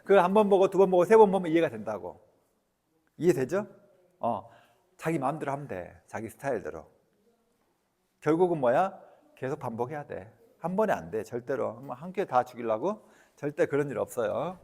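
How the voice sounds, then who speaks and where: A man's voice: medium pitch, big pitch swings, a little fast, mellow. A man giving a casual, blunt lecture on emotional healing, keeps quizzing his audience in plain everyday speech. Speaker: EFT lecturer and clinic director. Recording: long hall reverb.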